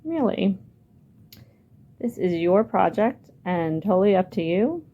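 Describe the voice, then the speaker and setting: Speaking slowly but very animatedly at a medium pitch, this woman is a children's librarian running a hands-on craft lesson where kids build things. The audio is narrow and tinny, with music underneath, and she asks the young viewers plenty of encouraging questions.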